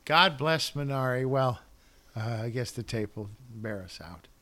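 A man co-hosting a casual film-awards podcast, talking in a bright, forceful voice. He rambles, loses track of what he was saying and corrects himself. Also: mid-range voice, a little slow. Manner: rambling, loses his thread, self-corrects. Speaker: podcast co-host.

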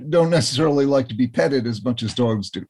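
A man's voice: mid-range voice, lively intonation, fast, breathy edge. A man hosting an interview as a psychiatrist, affirming his guest and agreeing often. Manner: warm, affirming, frequent agreement. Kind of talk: conversational interview.

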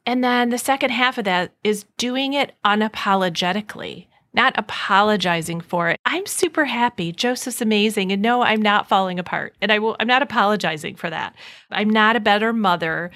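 A woman's voice: medium pitch, a little fast, fairly bright tone. A woman in her forties hosting a conversational interview, upbeat and candid, laughing often as she talks. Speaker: podcast host.

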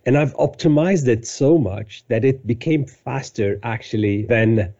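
A man's voice: medium pitch, a little slow, mellow, lo-fi sound. A man in his fifties from Lebanon, a company CEO telling his career story as a podcast guest in a detailed, conversational way. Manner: detailed storytelling with frequent fillers. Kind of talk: conversational interview answers.

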